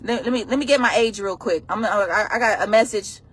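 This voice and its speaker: A woman's voice: mid-range voice, brisk, fairly bright tone, breathy edge. A woman in her forties hosting a casual livestream chat, talking bluntly and playfully while she reacts to her chat. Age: 40s. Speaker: livestream host.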